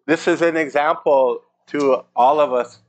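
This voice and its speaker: A man preaching a sermon in short, earnest phrases, pausing so an interpreter can translate. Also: a little high. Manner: earnest, repeats words.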